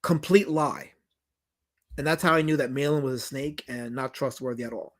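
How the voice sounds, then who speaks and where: In a mid-range, fairly bright voice at normal speed, a man with a New York accent takes viewer questions on his livestream. The director rambles and emphasizes heavily, often repeating himself or starting sentences again.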